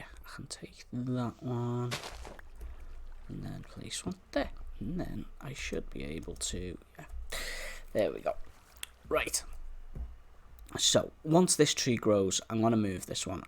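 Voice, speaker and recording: A man giving casual let's-play commentary, chattily explaining each move as he plays. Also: on the low side. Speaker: gaming YouTuber.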